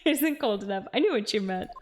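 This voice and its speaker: A woman's voice: a little high, expressive, normal speed, slight background noise. A woman streamer chatting casually with viewers while playing a game, giggling often.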